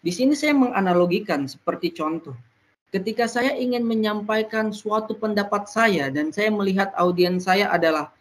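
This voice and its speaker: An educational talk for peers comes from a presenter with a mid-range voice, who explains each point separately and keeps pausing on "nah".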